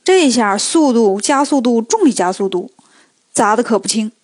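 High-voiced woman telling a children's story. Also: normal speed, no echo. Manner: lively, colloquial, joking asides.

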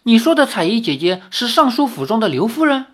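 Woman doing a bold young swordswoman, quick, teasing, proud, lifted pitch, storybook. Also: very animated.

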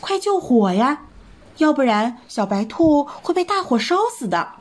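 A woman voicing a kind, lively little snowman child with a bright, sing-song way of talking. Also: high-pitched, moderate pace. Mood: alarmed.

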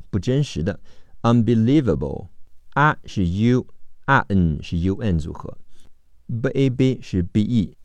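A man teaching English vocabulary, slowly spelling out each word's letters and sounds. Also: on the low side, dark tone, no room sound. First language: Chinese. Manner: slow, deliberate spelling-out of word sounds. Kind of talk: vocabulary phonics lesson.

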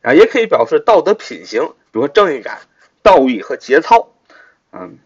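A man's voice: a little high, sing-song, moderate pace, husky. A man teaching English vocabulary in a recorded lesson, repeating words and spelling them out letter by letter. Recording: dull lo-fi recording.

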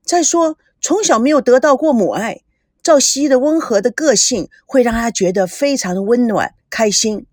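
A woman's voice: fairly high pitch, lively intonation, moderate pace, darkish tone, dry recording, clean studio sound. Woman voicing a patient, lecturing crew member.

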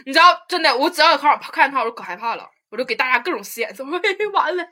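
A woman's voice: sits high, very fast. A young woman, telling stories in a casual chat and laughing often. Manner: animated storyteller, laughs often.

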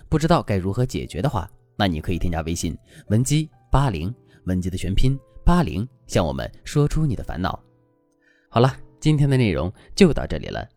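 A man's voice: lowish voice, dark tone, no room sound. A man giving a scripted relationship advice lesson, explaining step by step and posing rhetorical questions. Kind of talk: scripted instructional talk.

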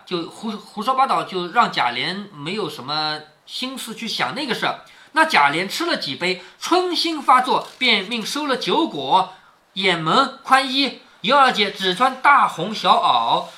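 A man's voice: high voice, sharp tone. A man reading a classic novel aloud to his daughter, stopping often to explain it in a chatty way with frequent tag questions.

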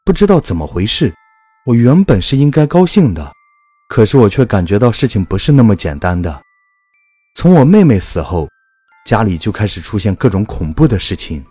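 A man with a low, mellow voice narrates a first-person horror tale. His delivery is calm and measured, but his pitch rises and falls expressively. The recording is dry and close, with faint music underneath. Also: husky, dry recording. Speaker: storyteller.

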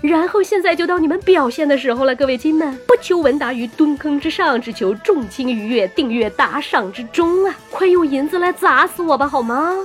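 Woman, high voice, playful slangy history host, teasing, excited then mock-sad, faint music underneath. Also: brisk, few pauses. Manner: swings between excited and mock-sad tones. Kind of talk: comedic scripted history commentary.

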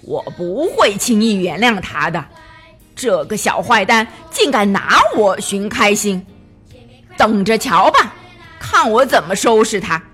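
A woman's voice: medium pitch, slow pace, soft background music, heavily acted. A woman doing a furious grumpy rhino. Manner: loud, gruff, furious. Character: grumpy, vengeful male rhino.

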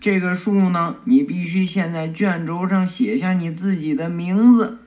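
A man voicing a calm male ninja teacher who explains things in a measured way. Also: high voice. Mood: explaining.

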